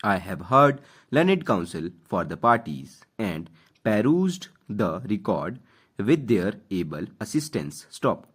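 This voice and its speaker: An Indian-accented man reads formal text as slow dictation for shorthand practice. His voice is low and rough-edged, and his pitch moves up and down noticeably as he delivers short, deliberate phrases with spoken punctuation. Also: big pitch swings, fairly bright tone. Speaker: dictation instructor reading for stenography practice. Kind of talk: slow school dictation, reading legal text aloud.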